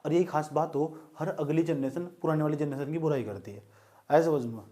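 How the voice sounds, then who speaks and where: A man's voice: fairly high pitch, fairly quick, warm tone. A male teacher lecturing a class in a joking way, often stopping to check that students follow.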